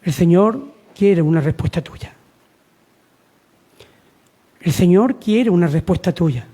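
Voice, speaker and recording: A man from Spain preaches a sermon, urging listeners through repeated lines and rhetorical questions in an exhortative style. His voice is high, animated, slow, mellow, and husky.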